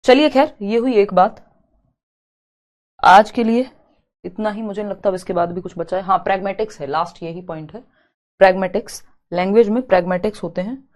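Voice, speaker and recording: A woman's voice: mid-range voice, fairly quick, a little mellow. A woman teaching an exam-prep lesson in a live online class, explaining step by step, mixing in English terms and reading out viewer comments.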